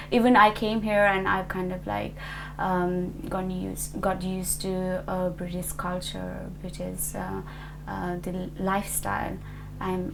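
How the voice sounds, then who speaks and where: A woman's voice: medium pitch, creaky, noisy background. A woman in her twenties from Nepal, answering an oral history interview hesitantly, with many fillers and restarts. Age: 20s.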